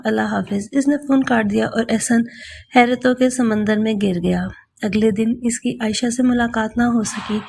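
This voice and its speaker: A woman narrates a romance novel aloud at a steady storytelling pace. Her voice sits a little above the usual pitch. A faint hiss runs under the recording. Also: gravelly.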